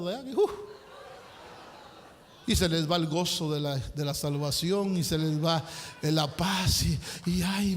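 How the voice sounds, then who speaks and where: A man preaching a sermon as pastor, swinging from loud shouted passages to quiet, confiding asides. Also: fairly high pitch, slight background noise. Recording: long hall reverb.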